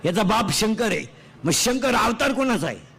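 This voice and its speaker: A man preaching a comic devotional kirtan. He fires quick questions at the audience and teases them between chanted lists of names. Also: high-pitched, very animated, background noise. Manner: quizzes the audience in rapid call-and-response; joking, teasing asides between chanted lists.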